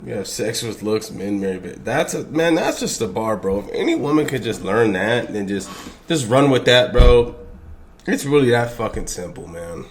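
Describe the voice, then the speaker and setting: A man reacting to clips with blunt, profane commentary, his voice rising into loud outbursts. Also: on the low side, very animated, moderate pace, hardly any pauses, a little hiss or hum.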